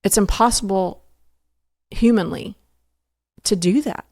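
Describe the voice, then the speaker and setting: A woman guest on a podcast interview, earnestly telling a faith story, halting with restarts and fillers. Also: medium pitch, a little mellow, no room sound, clean studio sound.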